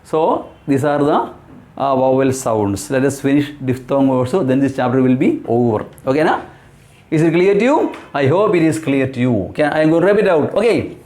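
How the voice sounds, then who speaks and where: A man teaching a class and pronouncing vowel sounds. He repeats words slowly and keeps asking his students questions. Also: medium pitch, expressive, darkish tone. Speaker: English teacher. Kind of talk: classroom lesson at a blackboard. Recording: roomy echoing classroom.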